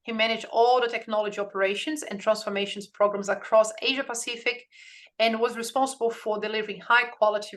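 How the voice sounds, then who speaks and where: A woman hosts a community talk, reading out a guest's background and then opening the interview. She speaks hesitantly, often pausing on "um" and restarting her phrases. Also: mid-range voice, fairly bright tone. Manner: hesitant, many um fillers and restarts. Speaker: host.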